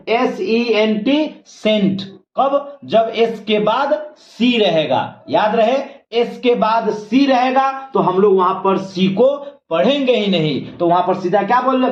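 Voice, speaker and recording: A man teaches pronunciation in a high, raised voice, asking questions and answering them himself and spelling words out letter by letter. The room is echoey and the recording sounds somewhat dull. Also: a little mellow. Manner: repetitive teacher, asks and answers his own questions, spells letters slowly. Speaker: English teacher. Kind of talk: classroom lesson explaining pronunciation.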